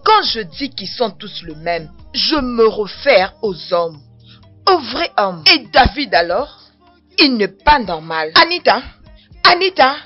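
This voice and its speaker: A woman's voice: a little high, sing-song, slow pace, full character voice. A woman dubbing an outspoken betrayed wife who scolds her husband. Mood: consoling. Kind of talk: French-dubbed film acting. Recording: dull lo-fi dub with music behind.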